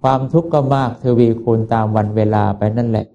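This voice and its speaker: A man with a mellow, warm voice preaches a Buddhist sermon. He talks to his listeners in a folksy, conversational way and often asks them rhetorical questions. His pitch sits in an ordinary middle range for a man. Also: a little fast, muffled recording.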